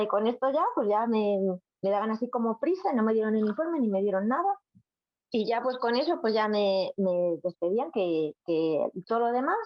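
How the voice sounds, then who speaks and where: A woman giving a halting, emotional personal testimony as a roundtable speaker. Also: mid-range voice, dry recording. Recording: dull dry lo-fi sound.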